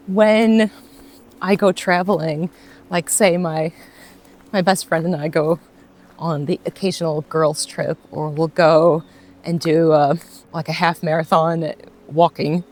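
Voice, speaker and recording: A low-pitched woman speaks slowly with long pauses as she walks through the bush, vlogging in a relaxed, rambling, chatty way. She's in her forties, from Russia, laughs often and leans on fillers. Her accent sounds mostly American, with a slight shift from years spent in New Zealand.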